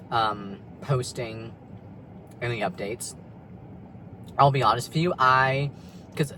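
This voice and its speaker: A young man vlogs from his car in a parking lot, rambling candidly and confessionally with lots of fillers and swearing. His mid-range voice is bright and forceful, with slight background noise.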